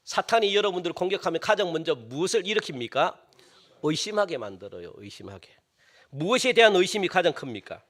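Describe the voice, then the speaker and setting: A male pastor delivers a sermon with a high, bright voice that swoops up and down. He keeps turning to the congregation with rhetorical questions, rising and dropping as he presses each point. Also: brisk. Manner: animated preaching with many rhetorical questions to the congregation.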